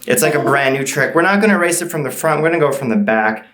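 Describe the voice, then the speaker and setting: Low-voiced woman, playful kids party magician. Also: expressive, fast, a bit bright, slight background noise. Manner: playful, teasing, coaxing children with questions. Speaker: children's magician. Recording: roomy, echoing sound.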